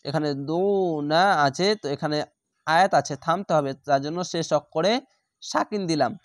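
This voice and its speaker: A man leads a Quran reading lesson, breaking each word into letters and vowel marks and stretching the syllables out. His voice sits a little high for a man. He is recorded on a close, dry mic with no room sound. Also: normal speed, no echo. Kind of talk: slow spelled-out recitation lesson.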